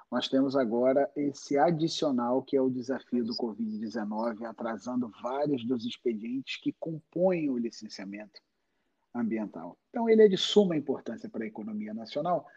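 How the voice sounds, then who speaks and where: A Brazilian man giving measured, formal, wordy expert explanations as an interview guest. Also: medium pitch, mellow, slightly rough, highs cut off. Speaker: podcast guest, environmental lawyer.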